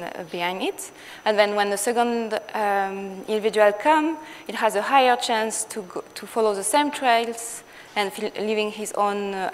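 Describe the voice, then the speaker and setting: A woman with a French accent giving a scientific conference talk, with many fillers and restarts. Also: medium pitch. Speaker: conference speaker. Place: lecture hall. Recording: long hall reverb with faint noise.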